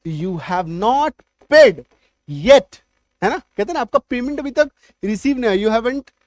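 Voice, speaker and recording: पुरुष अंग्रेज़ी शिक्षक, सूखी नज़दीकी आवाज़. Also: male voice, sits high, no echo. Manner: patient, repeats words, checks understanding often. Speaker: English teacher. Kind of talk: online spoken English lesson.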